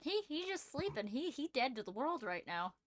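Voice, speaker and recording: A woman running a tabletop role-playing game as game master, narrating and answering players in an animated, conversational way. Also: high-pitched, normal speed, no room sound, clean studio sound.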